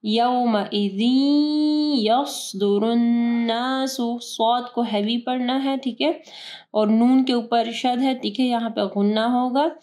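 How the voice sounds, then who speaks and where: A woman teaching Quran recitation rules, explaining each rule patiently and drawing out the words slowly as she recites. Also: on the high side, steady tone, a little mellow. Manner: patient, repeats words slowly and corrects pronunciation.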